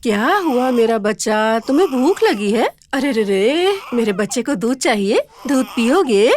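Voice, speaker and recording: A woman's voice: sits high, very animated, brisk, fairly bright tone, a little hiss or hum. An actress playing a cruel stepmother who scolds harshly but dotes on her own son. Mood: doting. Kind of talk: Hindi TV serial acting.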